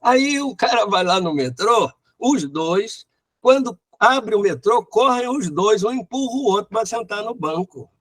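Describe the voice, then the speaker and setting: A man's voice: high voice, lively intonation, measured pace, fairly bright tone, no room sound. A Brazilian man in a study group, chatting with humor and playful examples. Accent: Brazilian Portuguese. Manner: humorous, acts out polite phrases. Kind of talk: casual chat.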